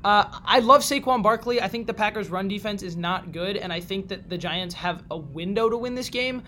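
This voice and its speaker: A man's voice: sits high, bright, forceful tone, a little hiss or hum. A man co-hosting a sports podcast, giving his picks in a casual, opinionated chat. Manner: opinionated, quick to pick sides. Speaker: podcast co-host.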